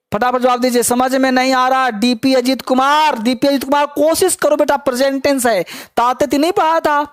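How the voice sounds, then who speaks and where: This very high-pitched man, speaking with a Bihari Hindi accent, runs a live online English class where he cheers students on and repeats prompts so they answer quickly. His tone is clear and resonant, recorded at studio quality with no room sound.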